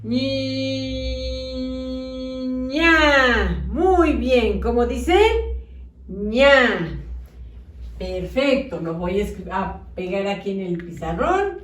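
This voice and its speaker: A woman teaching children a phonics lesson, sounding out syllables slowly and clearly. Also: fairly high pitch, very animated, a little mellow, recorded from a distance. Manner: slow, exaggerated sounding-out of syllables. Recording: echoey room, voice off-mic.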